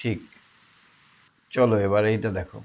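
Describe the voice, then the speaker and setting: A man teaching a young child their homework, asking questions patiently and explaining slowly. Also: lowish voice, steady tone, a little mellow.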